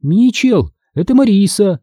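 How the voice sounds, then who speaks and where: A man's voice: high-pitched, very animated, a little slow, mellow, no echo, clean studio sound, voice pushed up, exaggerated voice. Marisa, a man voicing a cold ghost girl. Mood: menacing. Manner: cold, menacing.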